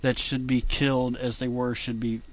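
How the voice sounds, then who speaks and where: A man's voice: mid-range voice, level tone, moderate pace. A man co-hosting a casual podcast, reading long scripture passages aloud with stumbles and chatting between them. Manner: reads long passages with stumbles and laughs at the wording. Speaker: podcast co-host.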